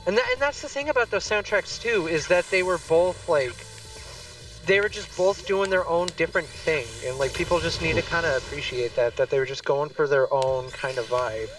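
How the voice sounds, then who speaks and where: A man's voice: fairly high pitch, moderate pace, fairly bright tone, distant mic, faint music behind, low-quality recording. A man streaming a game and chatting casually, rambling with many fillers. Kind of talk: casual chat while gaming.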